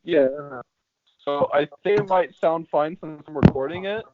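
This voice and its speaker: A man co-hosting a casual gaming podcast, insisting on his points in quick bursts, his voice muffled and underwater-sounding through a bluetooth headset mic. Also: a little high, a little hiss or hum. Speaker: podcast co-host. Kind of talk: casual gaming chat among friends. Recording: dull lo-fi phone headset sound.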